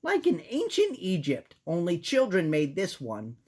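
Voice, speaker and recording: A timid, studious little boy mouse from a children's storybook, as a woman plays him. The voice is lifted in pitch, with an earnest, careful way of explaining things. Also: wildly swooping pitch, measured pace, darkish tone, breathy edge, full character voice. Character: cautious bookish small male mouse.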